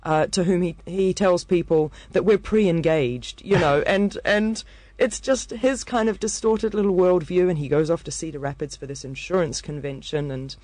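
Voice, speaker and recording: A woman's voice: on the low side, moderate pace, few pauses, a little mellow, dry recording. A woman with a New Zealand accent reviewing films on the radio, enthusiastic and chatty, with lots of fillers and restarts. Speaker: film reviewer. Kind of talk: casual radio chat.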